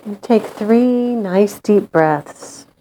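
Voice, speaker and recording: Slow, mellow woman leading a guided meditation. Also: mid-range voice, slight background noise, rough recording. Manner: calm, gentle, unhurried with long pauses.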